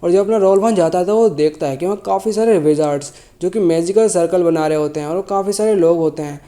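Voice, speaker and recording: Talking fast in a high, warm voice, a manhwa recap narrator runs through a story even though he has a sore throat and feels unwell. He's casual and loose, frequently correcting himself and rephrasing mid-sentence.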